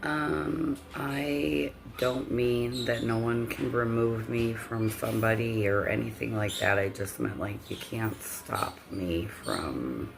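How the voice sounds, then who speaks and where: A woman's voice: extremely low pitch, slow, creaky, few pauses, background noise. A woman telling a personal story in a casual vlog rant, with blunt, profanity-heavy delivery.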